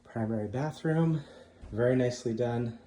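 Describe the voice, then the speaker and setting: A man casually narrating a walking tour of a house, offhand and relaxed with frequent ums. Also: medium pitch, normal speed, a little hiss or hum. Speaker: home tour host. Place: inside a house being toured.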